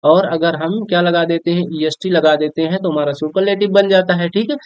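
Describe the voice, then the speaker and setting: A man's voice: high voice, fairly even intonation, brisk, a little mellow, clear, resonant tone, no room sound. A man with a Hindi accent teaching a grammar lesson to school students, often asking "okay?" as he explains. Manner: addresses students as children, frequent "theek hai" check-ins. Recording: dull, dry lo-fi recording.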